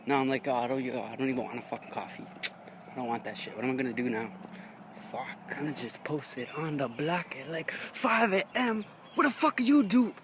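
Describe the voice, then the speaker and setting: A man's voice: a little high, slight background noise. A young man rambling profanely and jokingly in a comedy vlog, walking outdoors on a street and talking into a handheld phone. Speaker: vlogger.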